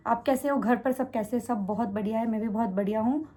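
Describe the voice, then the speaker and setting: A young woman vlogger answering viewer questions in a fast, chatty way. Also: fairly high pitch, dark tone. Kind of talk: casual Q&A chat.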